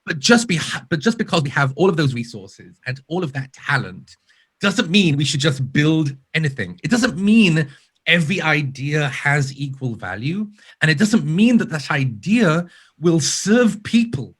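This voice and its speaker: This Israeli man, whose accent sounds British, speaks as a user researcher and guest in a casual remote podcast interview. His fairly high voice is animated, bright and husky, running a little slow, and he earnestly builds his points in careful lists.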